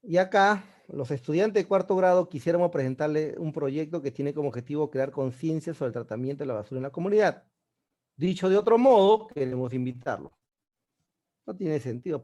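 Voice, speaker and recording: A man teaches over a video call, walking through each answer patiently and checking in with a quick question. His voice sits a little high, with a soft, mellow tone. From Peru. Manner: explains step by step, often checks with "¿ya?". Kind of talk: online exam-prep class.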